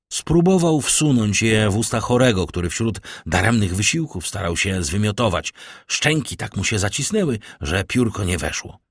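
Male narrator with a husky voice and a dry, close sound, reading dramatically. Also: lowish voice, no room sound. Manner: animated, theatrical delivery. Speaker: audiobook narrator.

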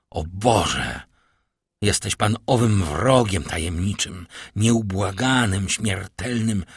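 A man's voice: husky, no echo, studio quality, heavily acted. A man voicing a frantic male prosecutor who is sliding into madness, crying out in desperate pleas. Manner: shrill cries, pleading and desperate.

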